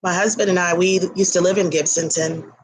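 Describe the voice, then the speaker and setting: A woman hosting a casual livestream from her home kitchen, chatting to viewers between bites, talking loudly toward a laptop mic across the room. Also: lowish voice, steady tone, fairly quick, husky, low-quality recording. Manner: chatty, eats while talking; talks loudly to carry to the laptop. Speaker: livestream host.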